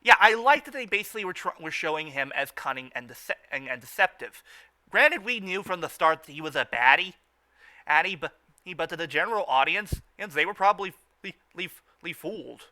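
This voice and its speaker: A podcast co-host reviews a cartoon in a casual fan discussion, frequently stammering and repeating words and phrases. His voice sits on the high side, with lively intonation, a brisk pace and a sharp tone.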